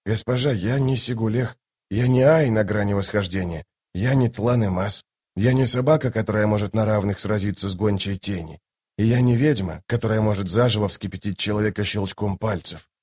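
A man's voice: lowish voice, a little fast, darkish tone, slightly rough, no room sound, studio quality. A man voicing a weary, wary young soldier in an audiobook, muttering and grumbling in a subdued way. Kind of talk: audiobook character voice.

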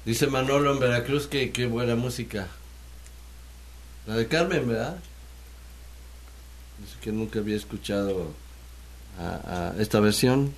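A man, a radio co-host reading listener messages with brief, low-key remarks. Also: unhurried, long pauses, slight background noise. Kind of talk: casual chat on radio.

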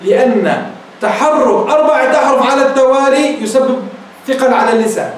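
A sheikh teaching a grammar lesson, asking rhetorical questions and repeating his examples slowly, addressing his listeners as beloved ones. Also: extremely high pitch. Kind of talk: classroom grammar lecture. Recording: very echoey room, voice from a distance, faint noise.

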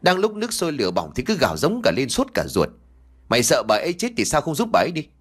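A blunt, gruff village man, voiced by a male storyteller, snapping in quick, hard bursts. His voice stays near the narrator's own. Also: on the high side, huge pitch swings, full character voice. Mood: angry.

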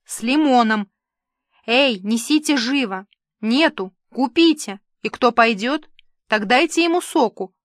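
A woman's voice: on the high side, lively intonation, measured pace, no room sound, clean studio sound. A woman voicing a capricious, pampered male TV star who whines and complains fussily. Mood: whiny petulant. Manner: whiny, fussy, theatrical complaining.

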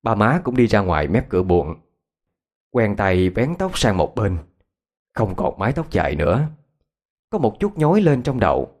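A man narrating a ghost story in a dramatic, expressive way. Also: on the low side, moderate pace, long pauses.

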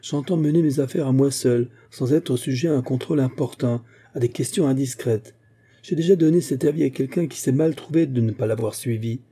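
A man's voice: mid-range voice, a little fast, warm tone, husky, lightly acted. A man playing a drunk, surly old attorney. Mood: surly, blustering. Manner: thick, surly, blustering. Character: drunk quarrelsome middle-aged male attorney.

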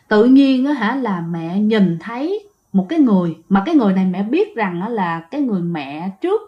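A woman narrates ghost stories in a chatty way, often turning to speak to her listeners. Her voice sits fairly high. The recording sounds dull and lo-fi. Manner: chatty, addresses listeners directly. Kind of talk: chatty ghost story storytelling.

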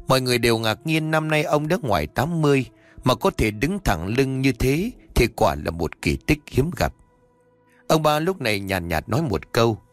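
A man narrating a Vietnamese horror story in a steady, expressive storytelling voice. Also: medium pitch. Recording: faint background music.

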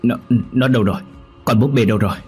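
A man's voice: mid-range voice, quick pace, a little mellow, faint music behind, voice pushed up, lightly acted. A man voicing a terrified young woman who begs frantically, in a horror story reading. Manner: frantic, begging.

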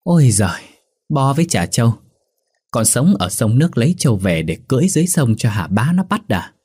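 A man's voice: fairly low pitch, sing-song, darkish tone, breathy edge. Man doing a cheeky young peasant joker. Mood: mocking. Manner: mocking, teasing, quick-witted.

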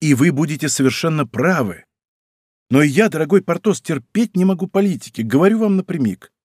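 A man's voice: on the high side, animated, a little fast, darkish tone, husky, no room sound, clean studio sound, voice pushed up. A man playing a shrewd, witty middle-aged musketeer captain who speaks slyly and persuasively in a raised tone, in a storybook reading.

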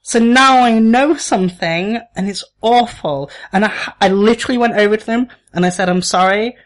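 A woman's voice: fairly high pitch, normal speed. A woman co-hosting a casual chat, teasing and laughing often as she explains things. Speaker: podcast co-host.

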